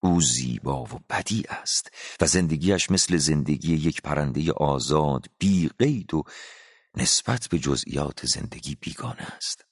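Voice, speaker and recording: A man narrating a literary story as an audiobook, reading in a slow, dramatic and expressive way. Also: extremely low pitch, husky, dry recording, studio quality.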